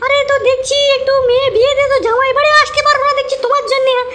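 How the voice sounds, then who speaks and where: A woman playing a shrill scolding mother-in-law. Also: flat delivery, rapid-fire, very noisy. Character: indignant middle-aged mother-in-law, scolding and fed up. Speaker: mother-in-law visiting her daughter's home. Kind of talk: comic audio drama.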